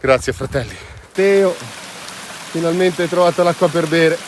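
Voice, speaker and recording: Chatting casually and enthusiastically to camera, an outdoor vlog host speaks at a moderate pace in a voice on the high side. He is mostly outdoors in a mountain valley and woods, and the recording carries noisy outdoor ambience.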